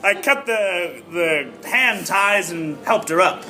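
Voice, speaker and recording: A wry, unflappable male private eye played by a man narrates an improvised noir audio drama. His voice is fairly high, his sentences short and clipped, with music playing behind. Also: animated, takes it slowly, sharp tone, full character voice, rough recording.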